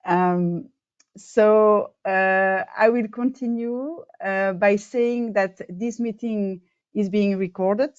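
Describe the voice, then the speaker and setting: A woman's voice: mid-range voice, steady tone, slow pace, a little mellow, smooth, no echo. A woman hosting an online meeting, hesitant with many fillers. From Belgium. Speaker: meeting host, co-chair. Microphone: video call. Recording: dull, dry video call audio.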